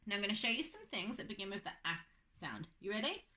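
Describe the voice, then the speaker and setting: A woman's voice: medium pitch, big pitch swings, fast, pushed and bright. A young woman teaching a phonics lesson to children, patient and drawing out her words.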